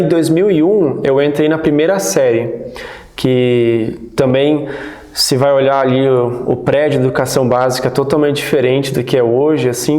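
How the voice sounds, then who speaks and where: A man in his thirties, born in the United States, recalling his childhood as a guest in a relaxed, rambling interview. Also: mid-range voice. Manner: relaxed, rambling, many restarts. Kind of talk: casual interview storytelling. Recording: roomy echo.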